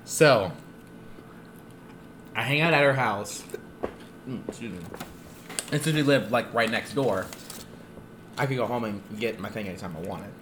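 A young man casually telling a funny story on a podcast, animated and quick to act out other people's lines. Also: noisy background. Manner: animated, acts out quotes in high squeaky voices. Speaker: podcast co-host.

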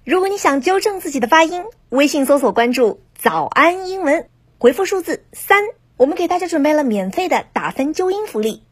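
A woman's voice: high-pitched, very animated, fairly quick, no room sound, clean studio sound. A woman announcer reading a scripted, upbeat show opener and promotional message.

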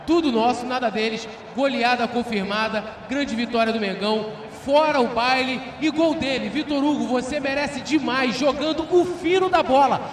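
A man's voice: very high voice, moderate pace, few pauses. A Brazilian man giving exuberant, slangy football commentary full of repeated catchphrases. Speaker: football commentator reacting after goals. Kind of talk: excited colloquial match commentary. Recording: echoey, with faint noise and crowd. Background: stadium crowd.

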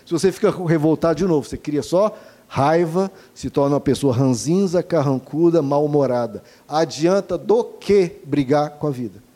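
A man's voice: a little high, moderate pace, warm tone. A man with a Brazilian Portuguese accent preaching a sermon, earnestly asking the congregation questions and stacking repeated phrases. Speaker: pastor.

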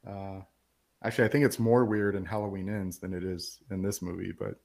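Male podcast host, lower register, casual profane movie recap with quoted dialogue. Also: little pitch movement, a little fast, vocal fry, a little mellow. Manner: profane, rambling retelling with quoted voices.

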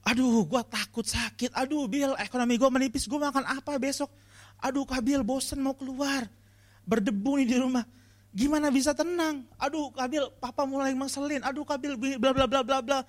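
A man's voice: extremely high pitch, fairly even intonation, moderate pace, pitched above the performer's own voice. A man voicing a whiny, anxious young person who frets and sighs about being stuck at home. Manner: whining, fretful sighs.

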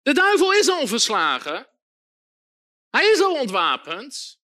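Male preacher, high pitch, very animated delivery, emphatic and repetitive, calls out amens. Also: takes it slowly. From Netherlands. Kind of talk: sermon.

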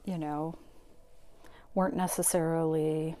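A woman's voice: low-pitched, level tone, measured pace, warm tone. A woman talking casually as a podcast host, opinionated and conversational, with plenty of fillers as she recaps a documentary. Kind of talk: casual chat.

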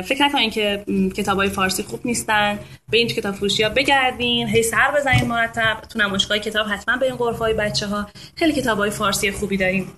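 A woman's voice: medium pitch, a bit bright, slight background noise. Chatty woman hosting a live talk. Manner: chatty, playful, imitates animal sounds. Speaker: host of a live talk on reading to babies. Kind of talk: casual live talk to an online audience.

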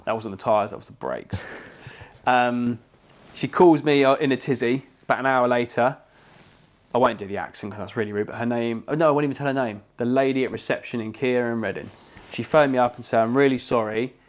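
A man's voice: medium pitch, brisk. Chatty English man telling a story. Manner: animated, swears freely, quotes people in his story. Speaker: podcast co-host. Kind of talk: casual storytelling chat.

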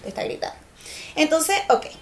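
A woman's voice: fairly quick, a little hiss or hum. A young Venezuelan woman with a Venezuelan accent, telling a story in casual chat and full of slang. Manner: animated storyteller, heavy slang. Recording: echoey room.

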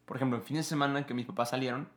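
Un hombre joven con acento mexicano, copresentador de una charla informal, que cuenta anécdotas de forma animada e imita voces. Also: male voice, medium pitch, rapid-fire, roomy sound. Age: young adult. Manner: animated storyteller, acts out voices and film scenes. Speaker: podcast co-host. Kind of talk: casual chat.

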